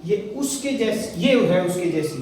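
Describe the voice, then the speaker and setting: A man's voice: high-pitched, sing-song, unhurried, darkish tone. A man teaching young pupils in a classroom, asking questions and repeating the answers back to them. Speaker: primary school teacher. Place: school classroom. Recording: very echoey classroom, far from mic, noisy.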